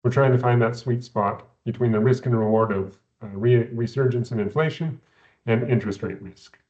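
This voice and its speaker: A man, an investment adviser, explaining economics in a measured way, often repeating words at the start of phrases, heard over a video call. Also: medium pitch, darkish tone, lo-fi sound. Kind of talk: explaining economics in a recorded company Q&A.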